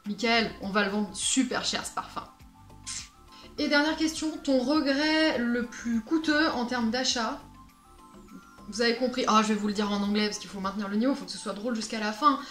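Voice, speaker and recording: A woman's voice: on the high side, a bit bright. A woman chatting casually as a perfume vlogger, playful and self-mocking, with many fillers. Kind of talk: casual vlog chat. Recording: echoey room with faint music.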